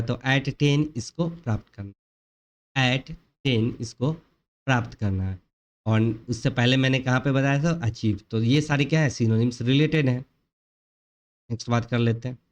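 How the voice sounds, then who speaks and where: Man teaching, asking and answering himself. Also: mid-range voice. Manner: asks questions and answers them himself, repeats key words. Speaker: English vocabulary teacher. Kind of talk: explanatory online lecture in Hinglish.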